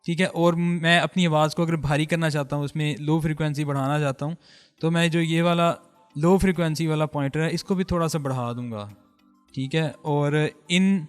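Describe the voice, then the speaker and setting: A man's voice: fairly high pitch, steady tone, clear, resonant tone, in a large hall, soft background music. A man hosting an audio tutorial, explaining step by step in a patient way while he adjusts a mixer, talking through a studio microphone.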